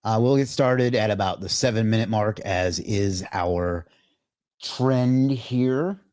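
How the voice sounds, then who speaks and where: A man with a very low voice hosts a casual live stream. He rambles and greets viewers by reading out their comments. The sound is dry and close, with no room around it. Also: slow pace, a little mellow, no room sound. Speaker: livestream host.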